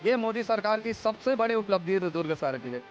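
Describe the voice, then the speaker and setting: A man from a city in central India, speaking deliberately and formally as a resident in a vox-pop testimonial. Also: sits high, lively intonation, highs cut off. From Durg, Chhattisgarh, India. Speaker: resident interviewee. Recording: music bed under the voice.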